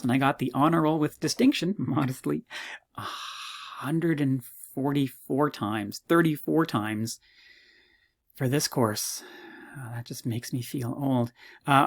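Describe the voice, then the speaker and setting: A man in his fifties from Canada, a university lecturer giving a recorded course introduction with playful, mock-modest humor. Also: medium pitch.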